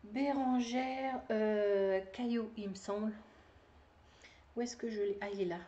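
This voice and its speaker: A woman's voice: medium pitch, level tone, a little slow, dark tone, lo-fi sound. A woman hosting a knitting video podcast, chatting casually to camera in a rambling way with many fillers and laughing at herself. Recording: roomy echo.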